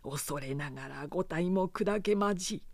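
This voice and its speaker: A man's voice: high voice, moderate pace, no room sound. A reader voicing a loyal samurai retainer, a man who speaks formally and deferentially yet presses his lord hard.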